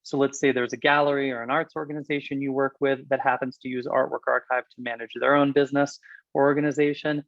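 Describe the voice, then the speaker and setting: A man presenting a software walkthrough on a webinar, talking quickly and chattily with some fillers. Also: mid-range voice, level tone, vocal fry, no room sound, highs cut off. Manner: fast, chatty, explanatory with fillers. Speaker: product presenter.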